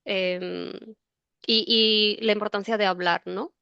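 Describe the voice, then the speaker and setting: A woman hosting an interview podcast, speaking thoughtfully with hesitant pauses. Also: mid-range voice, fairly even intonation, creaky, bright, forceful tone, smooth, no echo, highs cut off. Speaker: podcast host. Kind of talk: conversational interview.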